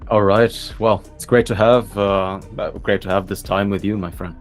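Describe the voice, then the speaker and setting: A young man from the Philippines, a podcast guest, talking casually and thoughtfully with many pauses and fillers. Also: sits low, steady tone, faint music behind.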